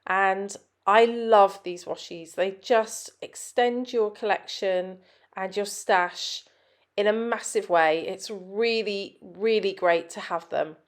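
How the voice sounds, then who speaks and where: Speaking slowly at a medium pitch, this woman designer guides listeners through a scrapbooking project one step at a time. Her delivery is chatty and full of ums, and her voice is nasal from a head cold.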